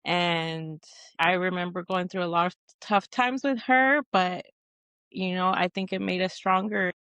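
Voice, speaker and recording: Low, smooth-voiced woman from Texas. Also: measured pace, fairly bright tone, no echo. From Texas, USA. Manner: earnest, with frequent restarts and fillers. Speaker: guest, Marine veteran. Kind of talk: conversational interview answers.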